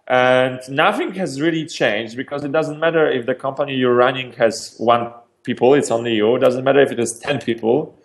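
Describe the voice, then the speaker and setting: Energetic and animated, this man from Poland fields interview questions about his startup, frequently starting over and repeating himself, barely pausing. Polish is his native tongue, and his mid-range voice is gravelly at a normal speed.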